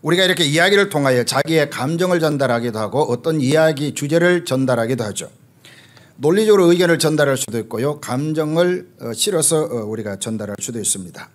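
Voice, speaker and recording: Korean pastor preaching, lively storyteller. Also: male voice, on the high side, fairly quick. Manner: storytelling with acted quotes, frequent "uh" fillers. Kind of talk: sermon.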